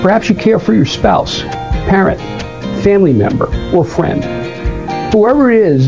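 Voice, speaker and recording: An American man delivers a scripted public service message. His voice is highish with noticeable creak and lively movement. The sound is a bit dull, with guitar underneath. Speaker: charity spokesman. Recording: dull band-limited sound. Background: plucked guitar music.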